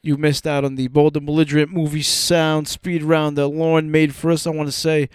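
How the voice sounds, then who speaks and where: A man's voice: on the high side, flat delivery, brisk, clear, resonant tone, no echo, clean studio sound. A man hosting a podcast in a casual, informal chat style. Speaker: podcast host.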